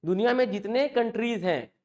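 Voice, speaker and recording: A man's voice: extremely high pitch, fairly quick, darkish tone. A male English teacher, lecturing a class and repeating each point as a question and answer.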